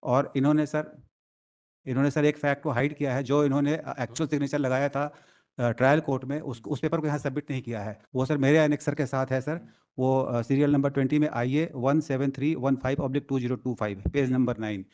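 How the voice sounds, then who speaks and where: A man's voice: medium pitch, fairly even intonation, a little fast, darkish tone. A man arguing his own case before a judge, deferential and reading out document numbers. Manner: deferential, says sir constantly, reads out document numbers. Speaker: petitioner arguing in person. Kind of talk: courtroom argument.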